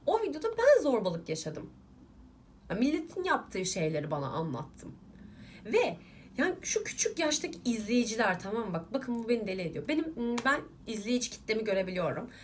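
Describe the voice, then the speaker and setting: Young woman vlogger, animated rant, slightly high voice, faint room hiss. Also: a little fast. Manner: irritated, emphatic, ranting to viewers. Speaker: beauty vlogger. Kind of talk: casual vlog rant while doing makeup.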